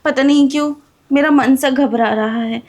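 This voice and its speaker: An anxious young married woman, played by a woman, with a high voice. She sounds hesitant and worried and turns defensive when she is pressed. She comes from a homemade drama skit. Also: steady tone, normal speed, a little mellow, close to an everyday voice. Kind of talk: amateur Hindi drama skit.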